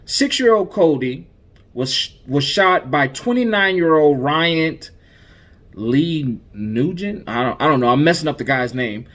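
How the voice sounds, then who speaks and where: Male host, commentary podcast; indignant, emphatic, stumbling restarts, very animated pitch. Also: a little hiss or hum.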